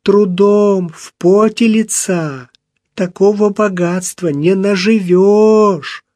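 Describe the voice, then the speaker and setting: A man's voice: high-pitched, slow, a little mellow, no echo, clean studio sound, pitched above the performer's own voice. A man voicing a frightened elderly aunt who wails and accuses through her crying. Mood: tearful, accusing. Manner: wailing, accusing.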